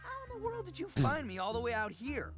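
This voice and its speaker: A man's voice: extremely high pitch, wildly swooping pitch, brisk, full character voice. A man voicing a boastful, goofy horned gang leader in a video game, with swaggering, stammering bravado. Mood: cocky. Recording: game audio with music behind.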